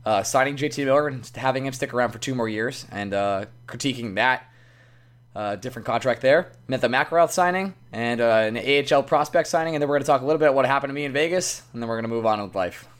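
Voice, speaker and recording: Hoarse, raspy man talking fast. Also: mid-range voice. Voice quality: raspy, strained voice. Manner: self-deprecating, informal. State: hoarse, voice nearly gone. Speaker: podcast co-host. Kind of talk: casual sports podcast chat.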